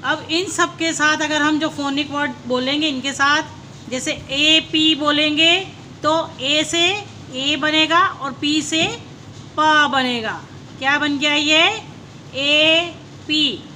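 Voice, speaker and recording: A woman teacher, slowly spelling out letters and sounding them one by one in a phonics lesson for young learners. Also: sits high, fairly even intonation, sharp tone, slight background noise.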